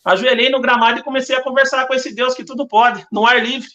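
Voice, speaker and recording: A man's voice: very high-pitched, flat delivery, fast talker, sharp tone. A man with a Brazilian Portuguese accent giving an earnest religious testimony as a podcast guest, telling his story with lots of repetition.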